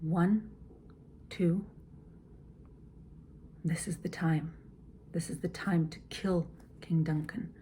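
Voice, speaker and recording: A woman opera singer explaining her approach to a scene in a measured, teacherly way. Her voice sits on the lower side and she takes her time. She often drops into a soft near-whisper, with a faint hum of room ambience behind her. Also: fairly even intonation. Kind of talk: teaching walkthrough.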